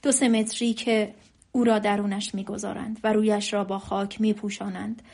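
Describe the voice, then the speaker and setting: A woman narrating an audiobook in a calm, even storytelling manner. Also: medium pitch, creaky. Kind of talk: audiobook reading.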